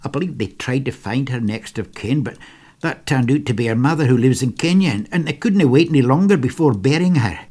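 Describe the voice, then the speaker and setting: A man's voice: mid-range voice, animated, warm tone. Man reading as a hesitant young soldier. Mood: earnest. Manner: hesitant, halting, repeats words. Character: young male soldier delivering grave news.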